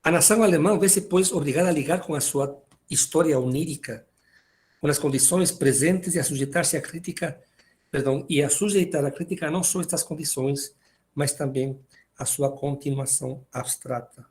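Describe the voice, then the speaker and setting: A man's voice: fairly high pitch, moderate pace, darkish tone. A man teaches a university philosophy class in a slightly raised voice. He stumbles and repeats words as he thinks aloud, then reads a passage and unpacks it for his students. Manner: hesitant, repeats words while searching for them. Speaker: philosophy lecturer. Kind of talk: university lecture.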